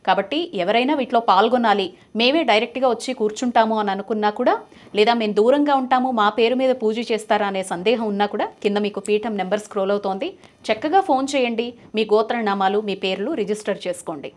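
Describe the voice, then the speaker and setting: A woman's voice: fairly high pitch, fast. A woman hosting a call-in show, politely announcing the events and taking callers' birth details.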